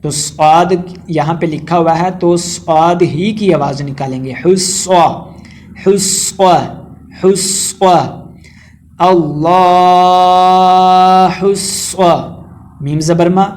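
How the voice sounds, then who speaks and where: A man with a Pakistani Urdu accent teaching Quran recitation step by step, spelling out letters and chanting verses slowly between quick explanations. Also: fairly high pitch, darkish tone.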